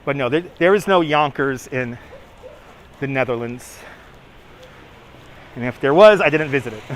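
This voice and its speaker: A man with a New York accent hosts a casual live stream while walking outdoors through city streets, filming on a phone gimbal, answering viewers by name and laughing a lot. He speaks expressively at a measured pace in a medium-pitched voice, with long pauses and a little hiss or hum in the audio.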